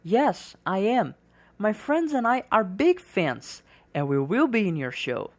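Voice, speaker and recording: A woman reading the part of an excited fan meeting a rock star, in slow, carefully pronounced English. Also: mid-range voice, full character voice.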